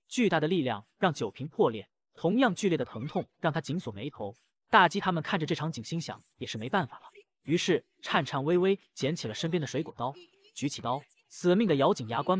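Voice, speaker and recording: A man narrating a dramatic comic recap with rapid, punchy storytelling. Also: on the high side.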